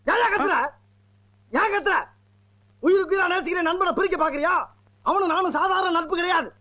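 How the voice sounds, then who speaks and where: A lovesick, boastful village fellow in a film comedy, full of rambling, exclamatory talk. The voice sits very high for a man. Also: moderate pace, bright, forceful tone. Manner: exclamatory, rambling comic banter. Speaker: comic actor in a film. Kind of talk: Tamil film comedy scene.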